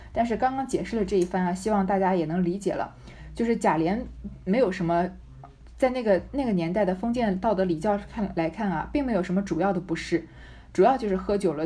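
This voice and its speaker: Mellow, husky-voiced woman reading a novel. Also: medium pitch. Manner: chatty, explains in plain modern talk. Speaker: reader and commentator of a classic novel. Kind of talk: novel reading with casual commentary.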